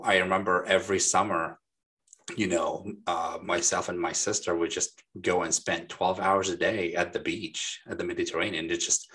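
A man from Lebanon in his forties, a business owner, talking casually and warmly as a guest on a video call, with plenty of fillers and restarts. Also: sits low, husky. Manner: friendly, talkative, frequent fillers and restarts. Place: small dark home studio. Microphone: desk microphone on a boom.

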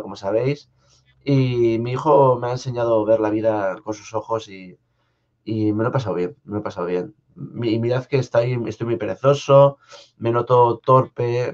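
A young man from Spain hosting a live stream from a home studio, talking in a soft, halting way with many restarts as he answers viewers. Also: on the low side. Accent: Spanish from Spain. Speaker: live-stream host reading viewer comments. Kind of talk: casual live chat. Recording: slightly dull lo-fi stream audio.

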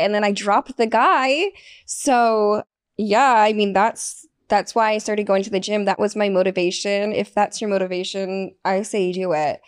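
A woman's voice: mid-range voice, smooth. A young woman hosting a podcast, talking candidly and bluntly in a casual chatty way. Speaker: podcast host. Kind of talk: casual solo podcast talk.

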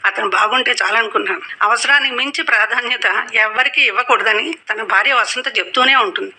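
Very high, bright-voiced male radio storyteller. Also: rough recording. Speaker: story reader.

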